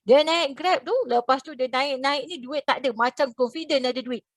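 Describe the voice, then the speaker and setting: A woman from Malaysia, a religious teacher, telling a story to her class over a video call in a lively, expressive way. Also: moderate pace, no room sound. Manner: animated, expressive, swings in pitch and loudness.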